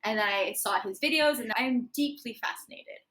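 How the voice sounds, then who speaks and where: Bright-voiced, animated woman co-host. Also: fairly high pitch, moderate pace. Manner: animated, giggly, explanatory. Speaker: podcast co-host. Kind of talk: casual podcast chat.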